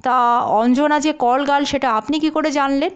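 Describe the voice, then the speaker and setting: A woman voicing a sharp male police chief who asks probing, clipped questions. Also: high-pitched, fairly even intonation, moderate pace, highs cut off, lightly acted.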